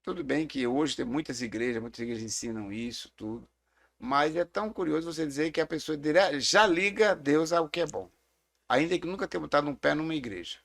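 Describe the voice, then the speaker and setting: A man's voice: a little high, expressive, a little fast, vocal fry, a bit bright. A middle-aged man with a Brazilian Portuguese accent, a theology teacher speaking as a guest. He talks in a reflective, explanatory way and tells stories in a casual discussion.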